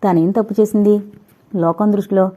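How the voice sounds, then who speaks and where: A woman's voice: mid-range voice, fairly even intonation, a little fast, dark tone, close to an everyday voice. A woman voicing a playful, affectionate young husband in an audiobook. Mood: teasing. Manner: playful, teasing.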